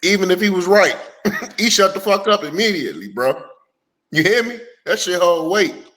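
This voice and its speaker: A man's voice: sits high, expressive, moderate pace, fairly bright tone. A man chatting casually about sports as a co-commentator, using slang and some swearing. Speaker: co-commentator on a sports talk show.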